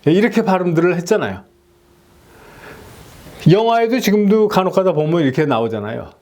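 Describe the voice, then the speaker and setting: A middle-aged man explaining English pronunciation in a lesson, often checking in with a quick rhetorical "yes?". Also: sits high. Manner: animated, frequent rhetorical "예?" checks.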